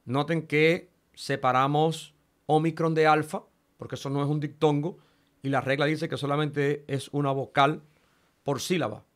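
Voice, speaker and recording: A man's voice: a little high, steady tone. A man teaching a Greek class in Spanish, explaining rules patiently and sounding out words syllable by syllable. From Cuba. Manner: slow, patient, spells out syllables one by one. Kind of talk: classroom lecture.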